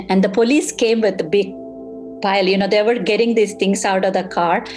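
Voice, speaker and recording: A woman's voice: mid-range voice, moderate pace. Casting: composed woman interviewee, plain recollection, faint music bed. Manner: steady, matter-of-fact recounting. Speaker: interviewee, bereaved mother.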